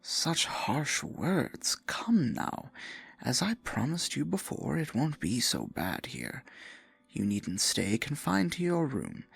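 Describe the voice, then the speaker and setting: A possessive dark sorcerer, played theatrically by a man for fantasy ASMR, whispers silky threats wrapped in falsely tender endearments. The voice is husky and gravelly, pitched mid-range and exaggerated.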